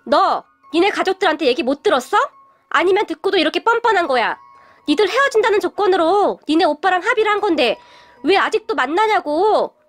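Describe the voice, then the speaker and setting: A woman's voice: extremely high pitch, lively intonation, fairly quick, fairly bright tone, soft background music. A woman voicing a haughty, wealthy middle-aged mother who sneers and scolds. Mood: scornful.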